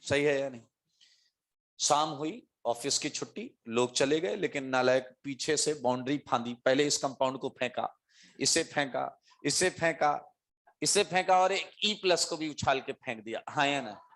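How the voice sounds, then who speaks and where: Animated male teacher telling a story. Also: mid-range voice, moderate pace. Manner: animated, laughing, acts out voices in anecdotes. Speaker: chemistry teacher. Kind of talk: storytelling lecture to students.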